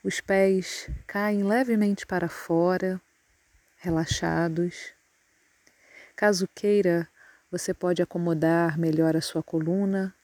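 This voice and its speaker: A woman with a Brazilian Portuguese accent and a lowish voice leads yoga nidra, recorded without any room sound. She offers soothing, tranquil guidance and leaves long silences between instructions.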